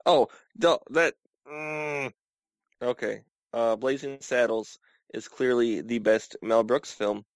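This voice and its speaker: A man's voice: mid-range voice, slow pace, no echo. A man playing along in a casual movie quiz, hesitant and full of uhs. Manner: hesitant, lots of uh and restarts. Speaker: quiz contestant. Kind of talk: casual podcast game chat.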